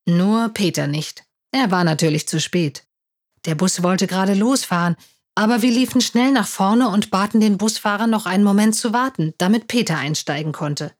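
A woman's voice: mid-range voice, moderate pace. A woman narrating a story in German as a storybook reader, lifting her voice for the quoted lines. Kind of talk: reading a school story aloud.

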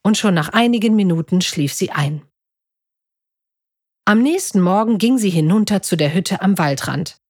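A woman reads a story aloud in a steady, careful voice of middling pitch. The sound is dry and close, with no room in it. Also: normal speed, husky, no echo. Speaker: story reader.

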